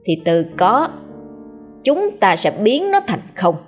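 A woman voicing a cold, scheming eldest wife who speaks slowly and with menace. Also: mid-range voice, very animated, faint music behind. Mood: menacing.

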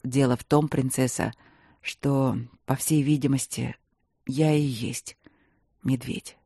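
An audiobook narrator voicing a grown man who turns into a bear. He speaks low, hoarse and slow, as if barely holding himself back. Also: steady tone, dark tone, no room sound, studio quality, heavily acted. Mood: grave. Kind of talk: audiobook reading.

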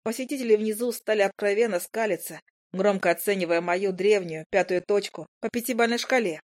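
A woman narrating a first-person audiobook in a lively, expressive way. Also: mid-range voice, brisk. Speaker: audiobook reader.

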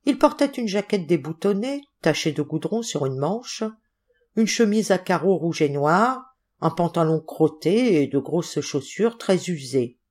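A woman narrating an audiobook story in a measured, expressive reading. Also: on the low side. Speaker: audiobook reader.

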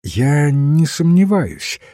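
Man reading as a calm polite little priest, slow and mellow, storybook style. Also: fairly high pitch, no echo, studio quality, pitched above the performer's own voice.

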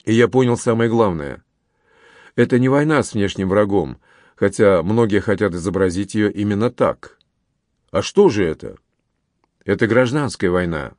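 A man voicing a calm, serious young male officer who speaks steadily, in an audiobook reading. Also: lowish voice, normal speed, dry recording, studio quality, natural voice. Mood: earnest.

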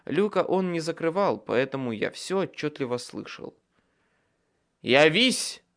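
A man's voice: on the high side, animated, moderate pace. A man reading a first-person audiobook with tense, dramatic storytelling. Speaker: audiobook narrator.

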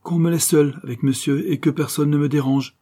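Man voicing a haunted banker, ruthless, tense, low husky voice, audiobook. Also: moderate pace, a little mellow. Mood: commanding. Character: ruthless middle-aged male banker, haunted and fearful.

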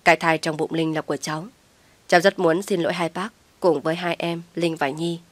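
A woman voicing a guilt-ridden young man who speaks quietly and formally with a choked voice. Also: deep voice, steady tone, brisk, no room sound, natural voice. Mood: subdued.

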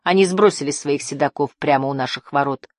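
Woman reading a gruff snappish villager man, dry close sound. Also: sits low, a little fast, no room sound, natural voice. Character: gruff surly male villager.

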